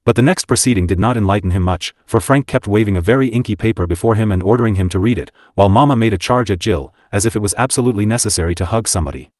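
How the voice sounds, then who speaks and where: Guy reading an old novel aloud, lowish voice, super dry close sound. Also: very fast, hardly any pauses, a little mellow, dry recording. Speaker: audiobook narrator. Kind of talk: scripted narration.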